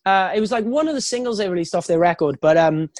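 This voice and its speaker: A man's voice: high voice, animated, quick pace, a little mellow, no room sound, studio quality. A man talking over a phone line as a radio show guest, chatting casually and rambling with lots of "like" and "um". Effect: heard over a phone line. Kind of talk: casual chat.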